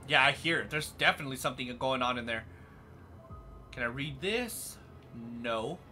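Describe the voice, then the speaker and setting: A man's voice: medium pitch, expressive, moderate pace, sharp tone, faint music behind. A man casually commenting on a video game as he plays, thinking aloud and easily amused. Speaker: gaming channel host. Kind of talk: casual let's play commentary.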